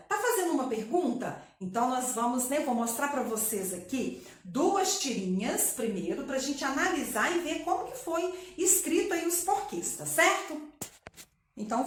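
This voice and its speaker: A woman's voice: sits high, fairly bright tone, recorded from a distance. A woman teacher with a Brazilian accent giving a recorded class, patiently asking her pupils questions and answering them herself. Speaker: primary school teacher. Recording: very echoey room.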